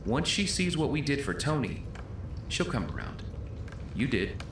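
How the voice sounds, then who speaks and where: A man playing a calm, self-assured villainous schemer in an audio drama, talking in a smooth, persuasive, condescending way. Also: medium pitch, normal speed, background noise, natural voice. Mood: businesslike. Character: calm, self-assured male schemer defending his ruthless plan. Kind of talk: scripted audio drama acting.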